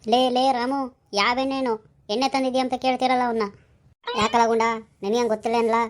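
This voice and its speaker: A woman's voice: on the high side, flat delivery, quick pace, slight background noise, lightly acted. Woman doing a fussy talkative village man. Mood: explaining. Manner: fussy, correcting, pleading. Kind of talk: village comedy skit.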